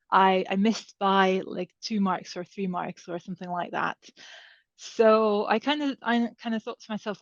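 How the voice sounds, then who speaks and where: A Hungarian-speaking woman from Serbia, a panel speaker at an advice evening, tells her career story in a loose, conversational way full of ums and restarts. Her mid-range voice is gravelly. The recording is dull and slightly lo-fi, close and dry, with no room sound at all.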